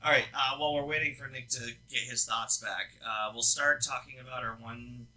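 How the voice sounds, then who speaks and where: A young man with a very bright, tense tone talks casually as a shop co-owner. His phrasing is loose and chatty, with plenty of fillers and false starts along the way. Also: mid-range voice, steady tone, moderate pace, poor audio. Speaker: co-owner of a gaming lounge. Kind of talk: casual business update chat.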